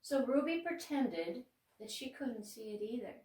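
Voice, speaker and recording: Reading a picture book to children in a church room, this middle-aged woman pauses to explain the illustrations in a gentle, slow, expressive way. She's a children's librarian running storytime, with an Upper Midwest American accent and a voice on the high side. The sound is roomy because the mic is distant.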